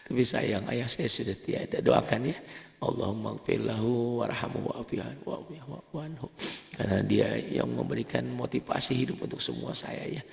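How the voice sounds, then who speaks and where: A man teaching beginners to read the Quran in a chatty, joking way, repeating his points and chanting example words loudly. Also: mid-range voice, steady tone, moderate pace, vocal fry, long reverb tail. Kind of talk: beginner tajwid lesson.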